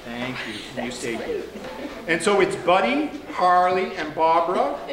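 A pastor speaks in a slightly high voice, shifting from casual jokes to formal prayer. His words ring around a big echoing sanctuary, and the congregation can be heard murmuring behind him. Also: sing-song, unhurried, over a noisy crowd. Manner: chatty and joking between formal prayer. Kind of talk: church announcements and prayer. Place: large church sanctuary. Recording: very echoey church with congregation.

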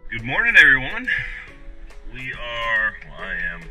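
A man's voice: mid-range voice, wildly swooping pitch, measured pace, sharp tone, highs cut off, soft background music. A man in his thirties giving chatty, matter-of-fact travel updates to a camera held at arm's length inside his pickup truck. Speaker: vlogger. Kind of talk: casual vlog to camera.

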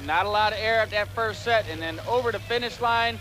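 Male color man, high voice, folksy and excitable about the racing. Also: brisk. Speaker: color commentator. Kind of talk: sports commentary.

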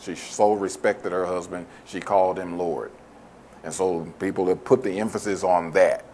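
A man's voice: low voice, fairly even intonation, moderate pace, a little mellow, slight background noise. A man preaching a sermon as pastor, stressing key words and stretching out phrases for emphasis.

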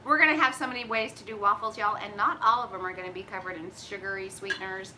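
Keto cooking host, middle-aged, drawl, bright and chatty, phone mic in a home kitchen. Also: female voice, medium pitch, steady tone, fast, a little hiss or hum, poor audio. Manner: chatty, folksy, drawls "y'all". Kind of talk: casual live-stream chat. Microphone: phone camera at arm's length.

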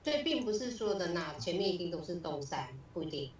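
A woman's voice: lowish voice, lively intonation, fast, lo-fi sound. A woman student asking tentative questions in a tutoring session. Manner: soft short acknowledgments and tentative questions. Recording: distant mic with faint noise.

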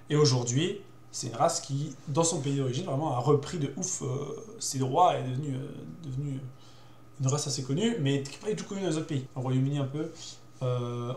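A young man explaining in casual, hesitant talk as a show host, with many fillers, repeated words and youthful slang. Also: on the high side. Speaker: host presenting dog breeds. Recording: roomy echo.

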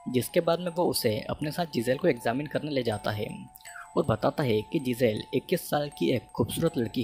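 A man recounts a film's plot in a steady, even narrator's voice, his Hindi accent plain in every line. His pitch sits at an ordinary middle level, and soft background music runs faintly under the speech. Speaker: movie explainer. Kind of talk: scripted movie recap narration.

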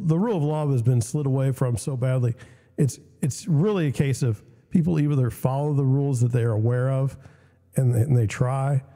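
In a big room, a young adult male host with a mellow, medium-pitched yet scratchy voice coughs as he does casual commentary. He reads news items and questions, then shares blunt opinions, restarting himself often.

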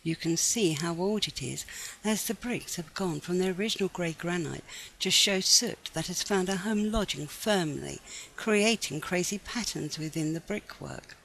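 A woman with a low, noticeably creaky voice narrates a scripted guided meditation, her phrasing measured and gently instructive. The audio is poor, with faint to moderate background noise underneath.

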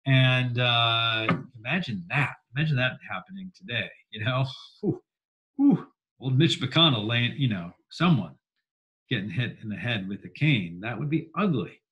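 A man's voice: medium pitch, animated, moderate pace, dull audio. A man teaching a history class in a casual, jokey way, acting out quotes in mock voices. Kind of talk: classroom lecture.

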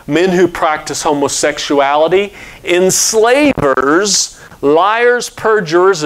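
An older man, a pastor, preaching a steady explanatory sermon from a church pulpit on a headset mic. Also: on the high side. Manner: explanatory teaching, steady and measured.

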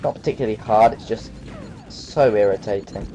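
A man's voice: on the low side, a little fast, mellow, low-quality recording. A man giving live gameplay commentary as a let's play gamer, grumbling and sarcastic. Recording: game music behind the voice.

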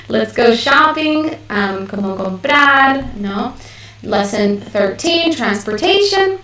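A woman teaching a bilingual English workshop, repeating words slowly for learners to echo. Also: fairly high pitch. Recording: roomy echo.

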